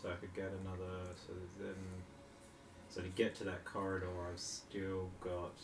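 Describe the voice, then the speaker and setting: A man's voice: sits low, monotone, moderate pace. A man with an Australian accent playing a tabletop game, practical and tracking his moves. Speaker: player. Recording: echoey room, distant mic, clear noise.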